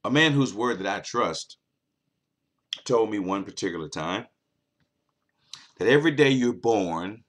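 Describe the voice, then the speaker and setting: A man's voice: fairly low pitch, animated, unhurried, long pauses. A man hosting a late-night talk show, delivering an earnest motivational monologue that repeats its key points for emphasis.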